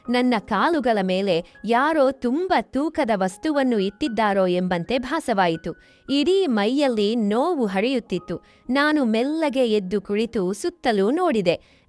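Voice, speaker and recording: A woman storyteller reading a scripted first-person family story in a steady storytelling delivery, with faint music behind. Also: a little high.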